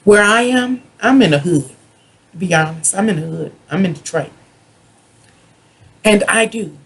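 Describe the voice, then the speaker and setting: Raspy, creaky-voiced rambling drunken tarot reader. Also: mid-range voice, expressive, a bit bright. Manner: self-described drunken ranting, halting with drawn-out words and repetition. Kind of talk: rambling monologue tarot reading.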